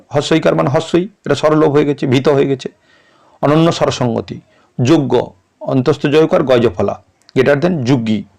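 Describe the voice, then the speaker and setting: A man's voice: on the high side, creaky, darkish tone. A male tutor who reads out exam answers and explains them, breaking words into syllables like a teacher. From West Bengal.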